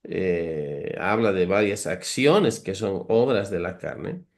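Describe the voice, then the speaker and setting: Speaking slowly in a low voice, an earnest man teaches Bible verses with animation. He reads the verses aloud and explains them, lists virtues, and calls his listeners brothers while drawing homely, humorous comparisons.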